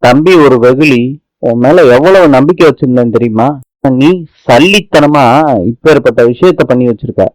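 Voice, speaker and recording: A man reading out the dialogue of a TV serial in an even, plain delivery. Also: mid-range voice, normal speed, no echo, rough recording. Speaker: reader of serial scenes. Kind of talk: reading drama dialogue aloud. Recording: dry close recording.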